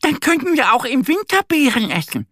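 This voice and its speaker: A man doing Annie, a squeaky little duck girl. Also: big pitch swings, a little fast, a bit bright, no room sound, clean studio sound, heavily acted. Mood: cheerful. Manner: squeaky, delighted. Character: little female duck, cheerful and sweet.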